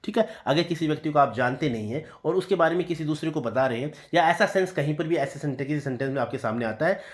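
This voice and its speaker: Man teaching grammar, slow and repetitive. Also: on the high side. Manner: slow deliberate reading of example sentences, repeating key points. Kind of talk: explanatory classroom lesson.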